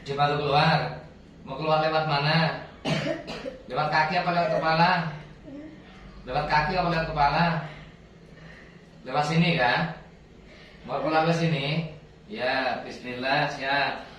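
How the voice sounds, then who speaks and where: A man's voice: on the high side, steady tone, unhurried, pauses often, fairly bright tone, a little hiss or hum. Man chanting in echoey room. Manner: commanding and coaxing, addressing an unseen spirit. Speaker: ruqyah healer. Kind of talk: spiritual healing session, chanting verses. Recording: very echoey room, distant mic.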